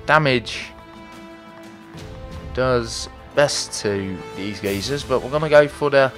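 A man's voice: mid-range voice, slow pace, faint music behind. A man hosting a let's play video, chatting, thinking aloud, and joking at his own expense as he plays. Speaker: gaming video host.

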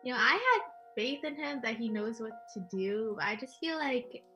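A woman's voice: fairly high pitch, lively intonation, normal speed, pushed and bright, faint music behind, rough recording. A young adult woman in a casual book chat over a video call from a small room. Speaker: book discussion participant.

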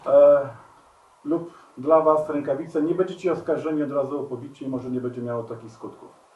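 A man speaking straight to his viewers, earnest and appealing, often pausing on fillers and restarts. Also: fairly high pitch, steady tone, mellow, reverberant, far from the mic, highs cut off. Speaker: commentator. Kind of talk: spoken video commentary.

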